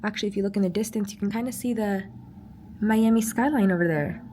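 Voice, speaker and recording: A woman's voice: mid-range voice, quick pace, mellow, slight background noise. A woman vlogging a trip in a chatty, upbeat way, full of "like" and "honestly.". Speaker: travel vlogger. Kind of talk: casual travel vlog narration.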